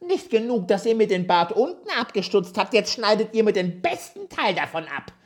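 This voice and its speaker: A reader voicing an ill-tempered tiny old male dwarf with a shrill, screeching voice, scolding and insulting. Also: sing-song, normal speed, close to an everyday voice. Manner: scolding, insulting, high and loud.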